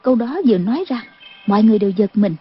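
A woman narrating a martial-arts audiobook with a steady storytelling delivery, in a dull lo-fi recording. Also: medium pitch, very fast, slightly rough, faint music behind. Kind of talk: scripted narration.

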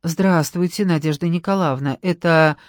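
A flustered, apologetic shop worker, speaking hesitantly in a lowered, muffled voice, as a female reader puts her on. The audiobook recording is dry and close. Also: normal speed, dry recording, natural voice.

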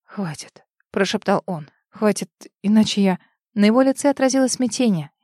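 Richard, a woman lowering her voice for a tender knight. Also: fairly quick, no echo, clean studio sound, lightly acted. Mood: strained. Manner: low, soft, calming murmur. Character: tender, steady young male knight.

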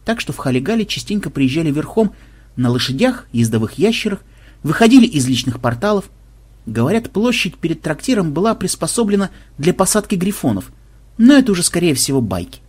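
Male audiobook narrator; slightly high, husky, lively and ironic reading. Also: a little fast. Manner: expressive, ironic.

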